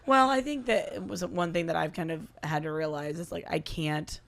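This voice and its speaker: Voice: medium pitch, steady tone, moderate pace, creaky, a bit bright. A podcast host in casual chat, affirming and talking with many "like" fillers.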